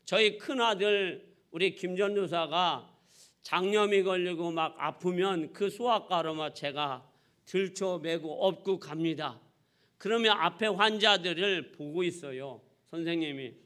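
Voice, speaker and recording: A middle-aged male pastor preaching a sermon dramatically, crying out loudly and then dropping low, acting out voices and often calling out to the congregation. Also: a little slow. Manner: keeps addressing the congregation.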